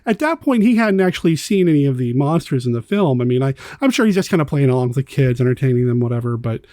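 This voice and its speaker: A man's voice: mid-range voice, very animated, fast, mellow, no echo, clean studio sound. A man hosting a podcast, chatting enthusiastically about a film, rambling a little with restarts. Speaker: podcast host. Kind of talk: casual film discussion.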